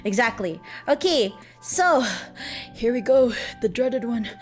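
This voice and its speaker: A woman's voice: a little high, expressive, takes it slowly, faint music behind. A young woman with a Filipino accent, casually teaching a language lesson on a livestream, giggling and rambling with lots of fillers. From Philippines.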